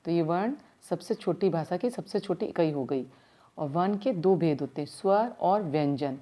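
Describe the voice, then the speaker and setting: A woman teaching primary school grammar in a slow, step-by-step way, asking her class questions as she goes, with words her speech. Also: lowish voice, expressive, warm tone. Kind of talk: recorded grammar lesson.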